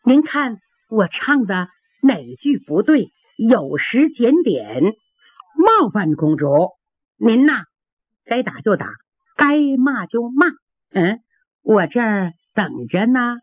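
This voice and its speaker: A woman voicing a humble young street singer who speaks politely and lowers herself before a princess. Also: very animated, takes it slowly, breathy edge, dry recording, full character voice. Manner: deferential, polite, self-lowering. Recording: dry, tinny phone-like sound.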